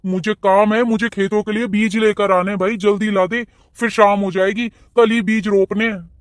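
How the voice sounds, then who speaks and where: A man voicing a patient, mild-mannered farmer in a cartoon who tries to calm the family down. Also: high-pitched, moderate pace, clear, resonant tone, no echo, studio quality, natural voice. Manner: placating, patient. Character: mild-mannered farmer, older brother-in-law.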